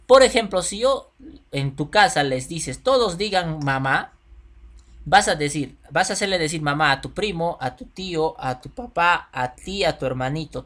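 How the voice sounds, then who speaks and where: A man's voice: a little high, fairly bright tone. A man teaching a video lesson to children. He speaks directly to the pupil, uses simple everyday examples and often checks that they follow. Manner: checks in with the listener often, asking "ya?".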